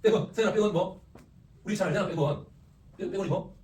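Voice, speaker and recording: Guy teacher quizzing his class fast, repeats himself a lot, echoey room, mic kinda far. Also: high voice. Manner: lively, repeats phrases and quizzes students. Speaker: ethics teacher. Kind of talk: classroom lecture with questions to students. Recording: echoey room, distant mic, faint noise.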